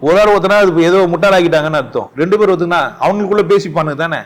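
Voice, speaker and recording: A man giving an informal spiritual talk at a satsang, animated and full of rhetorical questions, often laughing as he speaks. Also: high-pitched, racing. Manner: laughs often while talking.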